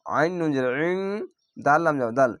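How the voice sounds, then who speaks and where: A man teaching Quran reading, spelling each word out slowly by its letters and vowel marks before reciting it. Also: medium pitch, a bit bright, no room sound, clean studio sound. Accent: Bangladeshi Bengali. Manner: slow, drawn-out syllable-by-syllable spelling with recited words.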